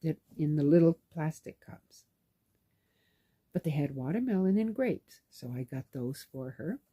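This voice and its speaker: Brief: chatty woman vlogger recounting her day, unhurried, with lively, swooping delivery. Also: deep voice, breathy edge, no room sound. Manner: chatty, animated, acts out dialogue. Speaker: knitting vlogger and caregiver. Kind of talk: casual storytelling.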